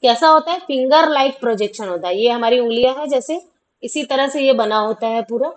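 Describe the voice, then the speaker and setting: Lady teacher a bit high pitched, asks a question then answers it, keeps saying "theek hai". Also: brisk, rough recording. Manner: repeats questions and answers them, many "theek hai" checks. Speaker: science teacher. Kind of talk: classroom explanation of a class 10 lesson.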